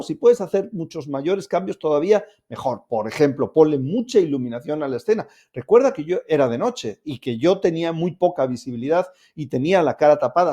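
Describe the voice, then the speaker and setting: A man's voice: on the high side, warm tone. A man giving a self-help lesson to camera, explaining steps directly to the viewer in an upbeat, coaxing way. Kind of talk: instructional talk to camera.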